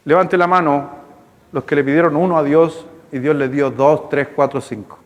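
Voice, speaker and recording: A male pastor with a Chilean accent, preaching a sermon in a lively, storytelling way, speaking to the congregation. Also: a little high, normal speed. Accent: Chilean Spanish. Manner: storytelling, animated, conversational with congregation. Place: church hall. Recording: long hall reverb in church.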